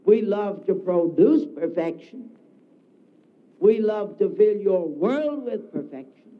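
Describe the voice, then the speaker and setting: Slow, high-voiced solemn male preacher. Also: animated. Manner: slow, declamatory, with emphatic repetition. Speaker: spiritual speaker. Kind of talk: solemn devotional address. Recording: dull lo-fi recording.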